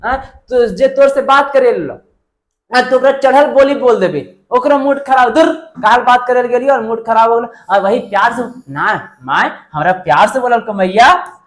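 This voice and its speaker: A woman's voice: fairly high pitch, normal speed. A woman teaching a university lecture. She mixes textbook phrasing with casual speech, asks herself rhetorical questions and repeats each point twice. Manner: mixes textbook Hindi with colloquial local speech.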